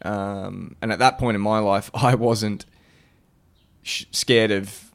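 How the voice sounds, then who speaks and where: A man hosting a podcast, asking a guest questions in a halting, friendly way. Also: fairly low pitch, fairly even intonation, creaky. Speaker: podcast host. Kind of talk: casual interview chat.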